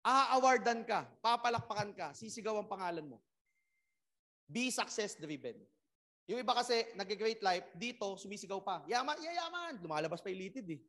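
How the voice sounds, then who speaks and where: A young man with a bright, high voice delivering a motivational business orientation. He keeps firing rhetorical questions at his listeners and swings up loud and emphatic on his key points. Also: moderate pace. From Philippines. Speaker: network marketing trainer. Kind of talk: motivational orientation talk to a crowd.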